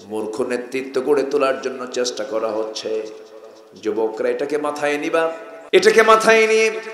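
A man preaching an impassioned sermon at an outdoor gathering, jumping from soft asides to sudden shouts and calling on the crowd to answer back. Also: mid-range voice, roomy sound. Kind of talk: impassioned sermon with call-and-response.

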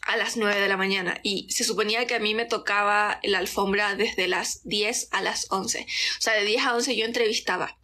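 A young woman from Chile with a faint Chilean accent softened by years in Mexico, chatting casually through a story time while doing her makeup, rambling and easily distracted, full of fillers and sometimes slipping into a whisper. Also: mid-range voice, fairly even intonation, normal speed. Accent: Chilean Spanish, softened by Mexican. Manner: drops into whispers now and then. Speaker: content creator.

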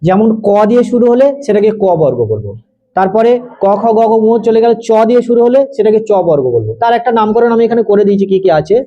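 A male tutor giving a grammar lesson to students, explaining step by step, repeating key terms, checking understanding and slowing down to dictate definitions. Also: high-pitched, sing-song, highs cut off.

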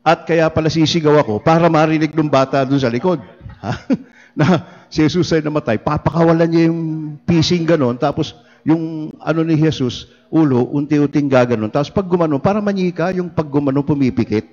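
Chatty priest in an echoing church. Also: male voice, on the high side, fairly quick. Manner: lively, chatty, often laughing. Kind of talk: humorous sermon storytelling. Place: church during livestreamed mass. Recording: dull reverberant church livestream.

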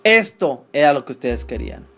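A man's voice: on the high side, very animated, moderate pace, a bit bright, soft background music. A man with a Mexican accent giving rowdy, playful commentary over a match, breaking into yelps and slangy exclamations. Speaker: gaming commentator. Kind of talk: excited let's-play commentary.

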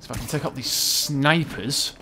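A young man giving let's-play commentary, excitable, with loud yelps and exclamations. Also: medium pitch, moderate pace. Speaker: gaming channel host.

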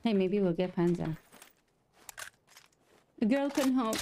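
Slow, mellow-voiced woman gaming on a headset. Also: mid-range voice, a little hiss or hum. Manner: relaxed, chatty, laughs often. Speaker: gaming streamer. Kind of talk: casual chat to viewers while gaming. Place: home.

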